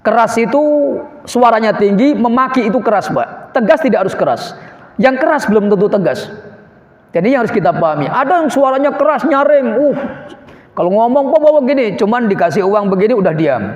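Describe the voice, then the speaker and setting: A man's voice: sits high, expressive, a little fast. A male preacher giving a mosque sermon, explaining Arabic phrases simply and often turning to the listeners as "Pak". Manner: keeps addressing listeners as "Pak". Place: mosque hall. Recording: echoey muffled hall recording.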